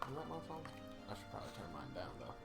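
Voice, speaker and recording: Bright-voiced man bantering over a game. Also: fairly low pitch, wildly swooping pitch, racing, vocal fry, faint music behind. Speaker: gaming channel co-host. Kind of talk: casual game commentary banter.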